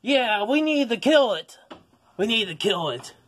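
A man's voice: sits high, very animated, a little slow, a bit bright, full character voice. A man voicing Vegeta, a proud, hot-tempered alien warrior, in a casual improvised toy-figure video, rambling, swearing and stammering. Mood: excited. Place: basement.

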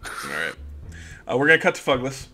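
Hesitant, lively game master narrating. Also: mid-range voice, faint music behind. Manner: halting narration full of ums and uhs, laughing often.

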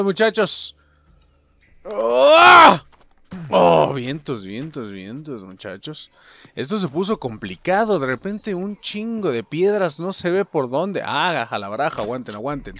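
A young adult man with a Mexican accent, giving loud, excitable gameplay commentary full of swearing, shouting and then muttering low. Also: slight background noise.

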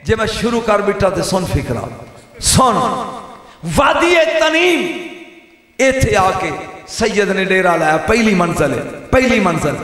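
A man with a Punjabi accent preaching an emotional sermon, moving from hushed storytelling to high wailing shouts and calling out to his listeners. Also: very animated, unhurried. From Pakistani Punjab. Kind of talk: impassioned religious sermon. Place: large gathering before a crowd. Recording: booming echo of a big hall.

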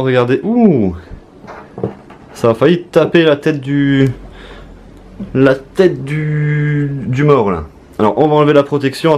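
Young French-accented male YouTuber, casual and excitable, mid-pitched, with faint noise behind. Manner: chatty, excited, talks to viewers. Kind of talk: casual unboxing commentary.

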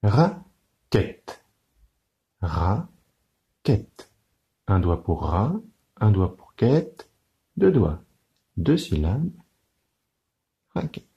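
A man giving a children's lesson on counting syllables, speaking slowly and clearly in a sing-song teacher's manner. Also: fairly low pitch, sing-song, warm tone, dull audio.

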